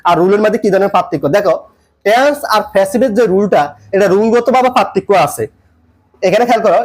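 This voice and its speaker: A man with a high voice teaches English grammar in a tutorial, restating points and asking the viewer questions while he explains.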